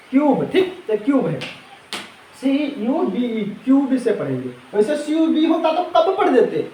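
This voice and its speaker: A man's voice: very high voice, darkish tone. A male teacher giving a phonics lesson to children, often quizzing the class with repeated questions. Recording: echoey classroom.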